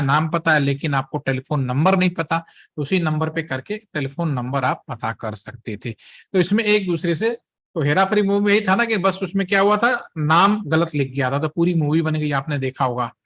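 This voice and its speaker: A man gives trainees a patient, step-by-step lecture in a fairly bright voice that sits a little high for a man. He pauses often to make sure everyone is following, frequently checking in with "theek hai."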